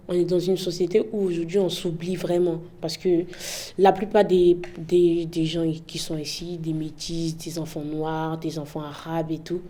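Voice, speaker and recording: A woman's voice: on the low side, dark tone. A young woman giving frank, impassioned interview answers, often tagging her points with "en fait". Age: young adult. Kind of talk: candid interview testimony.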